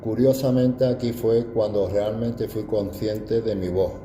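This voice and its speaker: A man's voice: lowish voice, steady tone, unhurried, dark tone, roomy sound, slight background noise. An older man from Andalusia with an Andalusian accent, giving a proud, reflective personal testimony. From Andalusia, Spain.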